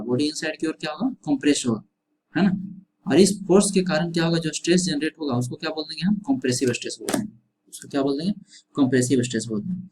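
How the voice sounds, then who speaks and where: A man lecturing on engineering, with a voice a little higher than most. He asks the class a question, then answers it and says it again, and he checks in often with "है ना". He, and there is a faint hiss behind him. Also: a little mellow, low-quality recording. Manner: repeats questions and answers, frequent tag "है ना". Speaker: engineering teacher.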